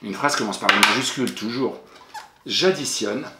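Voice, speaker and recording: A man's voice: medium pitch, big pitch swings, moderate pace, very noisy. Patient male teacher spelling out words. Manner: addresses the child directly and familiarly. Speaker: primary school teacher. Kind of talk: recorded lesson correction for young pupils. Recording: roomy echoey recording.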